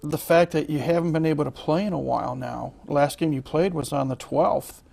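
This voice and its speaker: Gravelly host reading off stats. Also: male voice, on the high side, a little mellow. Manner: reads stats haltingly with many fillers. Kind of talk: sports interview show.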